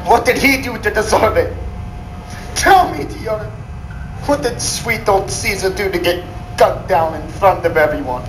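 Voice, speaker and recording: A woman plays a despairing male camp inmate in a drama, bitter and anguished, at a middling pitch. The sound is echoey and clearly noisy. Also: lively intonation, measured pace, close to an everyday voice. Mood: brooding, bitter. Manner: brooding, anguished. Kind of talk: dramatic acting. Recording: noisy, echoing room.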